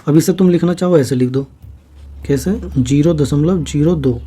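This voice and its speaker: A man's voice: a little high, dark tone, slightly rough. A man teaching a maths exam-prep lesson, walking through each step, asking questions and answering them himself. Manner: explains slowly, repeats steps, asks and answers own questions.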